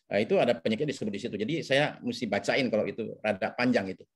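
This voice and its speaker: A man's voice: lowish voice, fast, slightly rough. A man teaching counseling in a webinar, speaking over a video call and checking in with listeners often. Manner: teacherly, checks in with repeated oke and ya. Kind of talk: webinar lecture.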